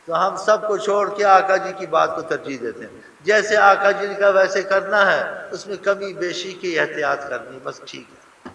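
A man's voice: sits high, creaky, pushed and bright. A man preaching a sermon in an earnest, emphatic manner, slipping into the voices of the people he quotes. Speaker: religious preacher. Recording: roomy hall, heard from a distance.

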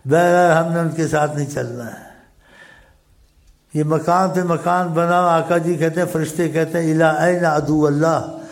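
Gravelly man preaching informally. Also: a little high, fairly even intonation. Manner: chiding, conversational storytelling. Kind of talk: informal religious talk.

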